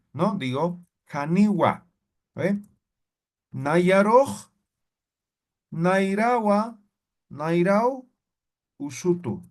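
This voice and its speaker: Slow, patient male teacher with a lively voice. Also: fairly high pitch. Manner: patient, checks in with frequent tag questions; repeats each example word slowly. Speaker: language teacher. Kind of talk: live class explanation.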